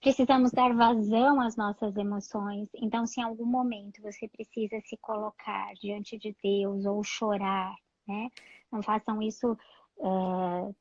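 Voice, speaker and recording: Calm woman psychologist, muffled live audio. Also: medium pitch, a little slow, no room sound. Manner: calm, reassuring, many "né?" fillers. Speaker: psychologist guest. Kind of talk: live-stream chat giving advice.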